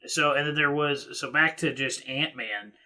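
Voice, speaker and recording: A man's voice: on the high side, a little slow, pushed and bright. A man co-hosting a podcast in casual chat, often stopping and restarting his sentences. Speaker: podcast co-host.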